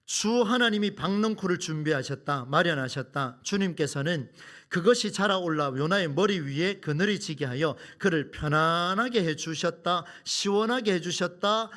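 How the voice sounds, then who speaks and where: A man's voice: high voice, moderate pace, a bit bright. A middle-aged male pastor preaching a sermon, acting out complaints and asking the congregation rhetorical questions. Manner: dramatic, acts out quoted complaints.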